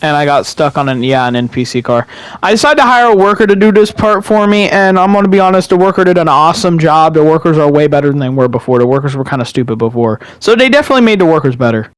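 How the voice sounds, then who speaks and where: A man's voice: a little high, expressive, quick pace, clear, resonant tone, no echo. A young man giving casual, rambling commentary over his own farming game footage, swearing freely and restarting his sentences. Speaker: gaming YouTuber.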